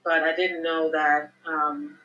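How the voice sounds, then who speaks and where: A woman's voice: sits low, little pitch movement, sharp tone, highs cut off. A woman calling in as a mother, speaking hesitantly, stopping often with ums as she confesses something. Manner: hesitant, halting with many ums. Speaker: caller, a mother. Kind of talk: live call-in confession.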